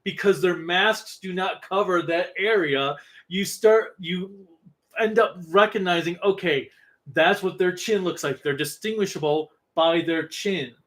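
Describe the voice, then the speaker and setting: A man's voice: high-pitched, unhurried, fairly bright tone. A man co-hosting a casual livestream discussion, explaining and steering the talk back on track. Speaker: co-host.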